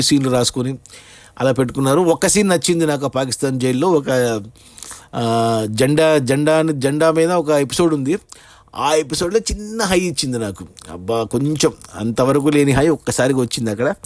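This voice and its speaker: A man's voice: a little high, darkish tone, no room sound. A man giving a casual, rambling spoken film review, with frequent fillers and restarts.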